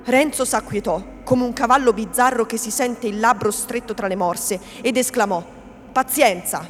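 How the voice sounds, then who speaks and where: A woman reading a classic novel aloud in a measured, theatrical storytelling manner. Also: on the high side. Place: reading event in a hall. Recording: long hall reverb, faint background noise.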